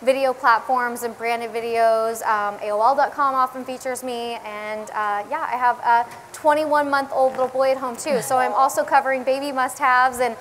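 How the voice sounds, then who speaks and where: A woman in her thirties speaks on a panel as a style blogger. Her voice is quite high, and she talks in an eager, chatty way. A faint room ambience sits behind her. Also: fairly even intonation, moderate pace, hardly any pauses, a bit bright, a little hiss or hum, low-quality recording. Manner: enthusiastic, chatty. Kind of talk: panel discussion. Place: event hall.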